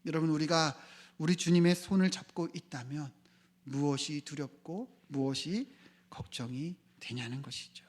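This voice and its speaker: A male pastor preaching a sermon, pushing key phrases up loud and letting phrase ends fall to a whisper, repeatedly addressing the congregation. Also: moderate pace. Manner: emphatic rises in pitch and volume on key phrases.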